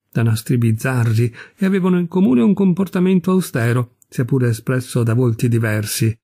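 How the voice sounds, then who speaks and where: A male narrator reads a classic short story with measured, expressive delivery. His voice is dark and husky, with a lively, varied melody. The sound is close and dry. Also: mid-range voice, no room sound. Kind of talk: scripted literary reading.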